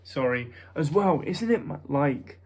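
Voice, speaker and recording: A man's voice: fairly high pitch, lively intonation, a little slow, darkish tone, slight background noise. A young British man with a nasal voice rambles casually to his vlog viewers, hesitant and self-conscious, often breaking off mid-thought. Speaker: vlogger.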